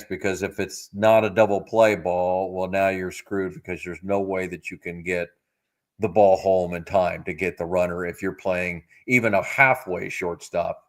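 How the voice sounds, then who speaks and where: Deep-voiced man in casual baseball chat. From United States. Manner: measured, hedging, thinks aloud with many "you know"s. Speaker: co-host of a baseball podcast.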